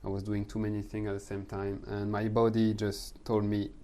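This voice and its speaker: A middle-aged French man with a French accent, speaking as a podcast guest in a calm, thoughtful way, sometimes searching for words. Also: lowish voice, moderate pace. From France. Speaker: guest, manifestation coach. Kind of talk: podcast conversation.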